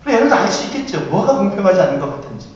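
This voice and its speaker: A middle-aged male pastor preaches, his voice ranging high and animated as he asks rhetorical questions and swings from hushed to loud. He is heard from some distance in a church with long, heavy reverb. The recording is dull and muffled. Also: rapid-fire. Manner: storytelling with rhetorical questions, dramatic swings in volume. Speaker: senior pastor. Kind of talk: sermon. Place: church sanctuary.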